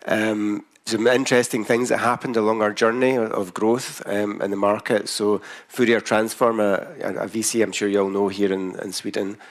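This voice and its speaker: A man's voice: fairly low pitch, level tone, moderate pace, hardly any pauses. A man with a broad Scottish accent giving a business presentation as a company founder, speaking carefully so listeners can follow. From Scotland.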